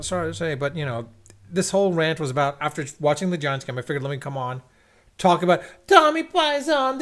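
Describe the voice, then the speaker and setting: Guy ranting about football on a live stream, kinda high voice, rambles and restarts a lot. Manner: rambling, restarts sentences, opinionated. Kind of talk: casual sports rant. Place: at home, checking scores on screen.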